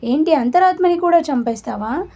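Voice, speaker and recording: Brief: sly male inner-voice double, playful and slow; woman narrator does him. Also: high voice, lively intonation, mellow. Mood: teasing. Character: man's mocking conscience, his teasing double.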